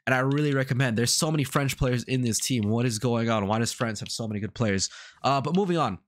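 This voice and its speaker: A gaming YouTuber with a medium-pitched voice talks fast, sounding stuffed up and sick from a cold. He rambles casually through his video game commentary, repeating himself and using plenty of fillers.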